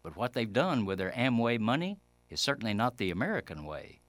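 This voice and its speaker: Animated, sardonic male radio commentator. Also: fairly low pitch, a little fast, dry recording. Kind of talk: scripted political radio commentary.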